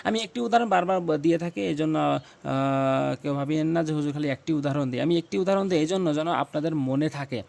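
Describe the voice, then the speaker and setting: A man with a slightly high, gravelly voice gives a pronunciation lesson for Quran recitation. He sounds each letter slowly and repeats it several times. He pauses with hesitant fillers between his explanations. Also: a little mellow.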